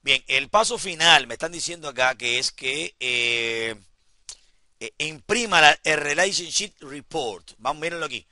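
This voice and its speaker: A man teaching a software class in a classroom, repeating each step and talking straight to his students. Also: on the high side, animated, unhurried. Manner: repeats instructions, addresses students directly. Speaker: computer instructor.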